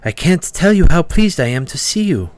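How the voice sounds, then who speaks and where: Man plays tiefling wizardess, middle-aged, formal, composed, wary; lifted pitch, tabletop fantasy role-play. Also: big pitch swings, no room sound. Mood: pleased. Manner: formal, measured, articulate.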